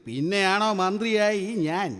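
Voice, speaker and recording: An actor playing a sly, mock-deferential royal minister in a stage comedy skit, courtly and slyly punning. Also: male voice, high-pitched, moderate pace, in a large hall, natural voice. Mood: mock-solemn.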